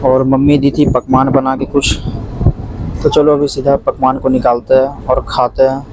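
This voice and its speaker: A young adult man with a mid-range, monotone voice speaks at a moderate pace as a travel vlogger, filming inside a train coach and on station platforms with an action camera held close. His narration is casual and chatty, addressing viewers as guys. The noisy handheld recording picks up train and station sounds.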